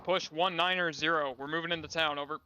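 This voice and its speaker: Fast, flat-toned man calling military radio orders. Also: on the high side, highs cut off, a little hiss or hum. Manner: clipped commands in military radio jargon. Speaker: squad leader in a military simulation game.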